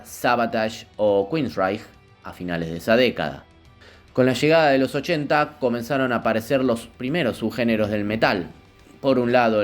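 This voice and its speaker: A man narrating a scripted music history in an even, measured reading voice. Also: fairly low pitch.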